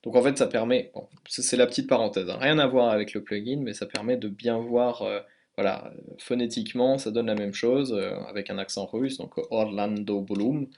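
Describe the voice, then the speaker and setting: A man's voice: medium pitch, fairly even intonation, a little fast, a little mellow, slight background noise. Hesitant French man explaining a tutorial. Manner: hesitant, many fillers and self-corrections. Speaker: language tutor. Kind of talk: casual screen-recorded tutorial.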